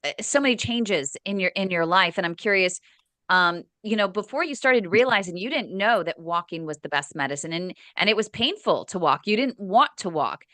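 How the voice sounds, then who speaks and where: Female support group host; clear, smooth voice, dry close sound, gently probing. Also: medium pitch, animated, normal speed, no echo.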